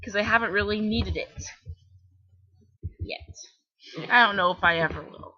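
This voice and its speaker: A woman's voice: medium pitch, a little slow, sharp tone. A teenage girl from Canada with a Canadian accent, rambling chattily and self-mockingly as she comments on her game. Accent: Canadian English. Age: teens. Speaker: gaming vlogger. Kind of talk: casual gameplay commentary. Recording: slightly dull lo-fi home recording.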